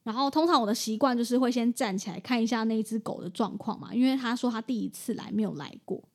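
Fast-talking storytelling woman. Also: a little high, slightly rough. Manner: animated storytelling. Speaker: veterinary clinic assistant. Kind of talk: casual podcast chat.

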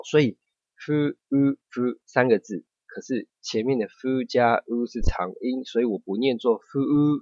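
Husky-voiced male language teacher. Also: medium pitch, a little mellow, dry recording, dull audio. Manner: patient, explains step by step with frequent checks. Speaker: Japanese teacher. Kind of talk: online language lesson.

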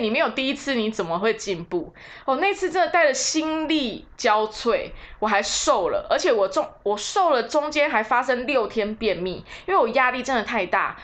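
A woman's voice: a little high, fairly bright tone. A woman, hosting a podcast and telling stories about her work as a tour leader in a chatty, self-mocking way. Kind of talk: casual storytelling podcast.

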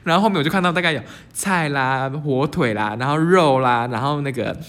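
A young man from Taiwan speaks as he hosts his channel. He tells stories in a casual monologue, rattling along quickly at a middling pitch. He drops English words into his speech as he goes. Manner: lively storyteller mixing English words into Mandarin. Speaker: channel host.

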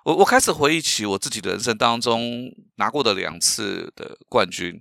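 A middle-aged man from Taiwan hosts his own podcast, talking in an animated, swooping pitch. His tone is bright and forceful, and he leans on fillers and rhetorical questions as he tells stories. The sound is close and dry, with no room around it. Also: moderate pace, creaky, dry recording. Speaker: podcast host and professional speaker. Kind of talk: solo podcast talk.

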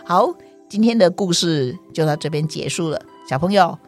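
A mature Taiwanese woman with a slightly low voice tells bedtime stories over music. She speaks as if reading to a toddler, with expressive exclamations and simple questions put to the little listeners. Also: moderate pace. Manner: expressive, with exclamations and sentence-final particles. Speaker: children's storyteller. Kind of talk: bedtime storytelling for young children.

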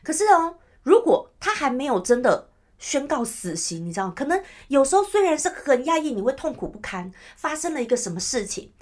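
A woman's voice: high-pitched, very animated, a little fast, a little mellow. A woman hosting her own podcast, talking casually and chattily to listeners and often asking "you know?". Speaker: podcast host. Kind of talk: casual solo podcast talk.

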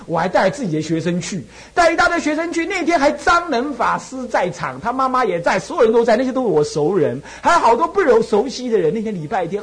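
A man from Taiwan, a Buddhist monk and temple abbot, giving a dharma talk in an animated way, scolding and reassuring with rhetorical questions. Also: sits high, slightly rough.

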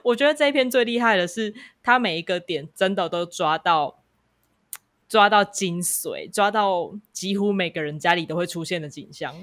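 Lower-pitched Taiwanese woman, close dry sound. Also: normal speed, a bit bright, no room sound. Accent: Taiwanese Mandarin. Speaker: podcast co-host. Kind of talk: casual podcast chat.

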